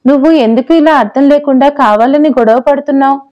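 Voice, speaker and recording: A woman's voice: high-pitched, fast talker, lo-fi sound, lightly acted. Woman voicing a teasing young husband. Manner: playful then exasperated bickering. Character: young husband, teasing, patient office worker. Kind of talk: audio story dialogue.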